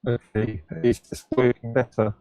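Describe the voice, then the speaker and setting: A man's voice: medium pitch, little pitch movement, a crowd in the background. Give me a man on a glitchy, cutting-out call. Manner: hesitant, halting, with many fillers. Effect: choppy, glitching call audio that keeps cutting out. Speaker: remote guest on a call-in talk show. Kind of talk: casual discussion.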